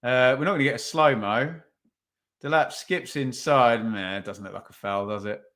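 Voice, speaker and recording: A man's voice: medium pitch, moderate pace, a bit bright. Chatty man commentating a match. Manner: chatty, thinks aloud with tag questions. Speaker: podcast host. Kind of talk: casual live watch-along commentary.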